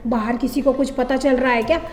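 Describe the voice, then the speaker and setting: A high-voiced, seductive rich wife, played by a woman who coaxes and then bullies. She speaks in a scripted short drama. The recording has a long, echoing reverb. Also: fairly even intonation, a little fast, a little mellow, close to an everyday voice. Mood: domineering. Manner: coaxing then bossy and threatening. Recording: echoey room with long reverb.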